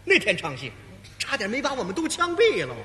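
A man's voice: extremely high pitch, wildly swooping pitch, a little fast, sharp tone, long reverb tail. A man, telling a teasing comic story in a live crosstalk routine. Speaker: lead crosstalk comedian.

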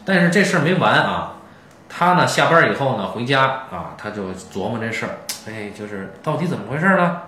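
A man hosting a podcast, retelling a film plot in a lively casual way and acting out the characters' lines. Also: mid-range voice, brisk, reverberant, faint music behind. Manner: animated storytelling with acted quotes. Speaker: podcast host.

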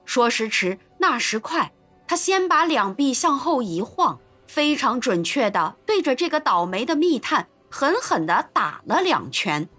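A woman narrating an episode of a classic adventure novel in an expressive storytelling manner. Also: high voice, measured pace, dry recording, soft background music. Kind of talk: scripted narration.

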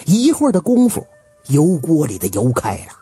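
A man telling a spooky folk tale, dramatic and swinging between hushed and loud. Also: on the high side, huge pitch swings, moderate pace, breathy edge, no room sound, faint music behind. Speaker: storyteller.

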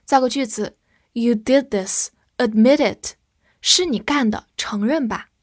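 Female vocabulary teacher, Chinese native speaker, very slow and patient, letter-by-letter spelling, slightly high voice, dry close mic. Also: no room sound. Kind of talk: spelled-out vocabulary lesson with slow read-alongs.

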